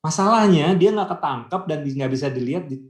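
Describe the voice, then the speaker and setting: As a guest on a radio-industry video call, this man speaks a little fast, his fairly high voice full of lively intonation and the sound a bit roomy. He keeps the discussion casual and chatty, making his points through anecdotes and rhetorical questions.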